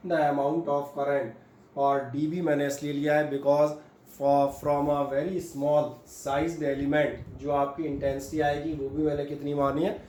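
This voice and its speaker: This is a Hindi-English classroom physics lecture by a man who explains each step and answers his own questions. His pitch is on the high side and his voice a little mellow. The room is echoey, with a faint hum in the background.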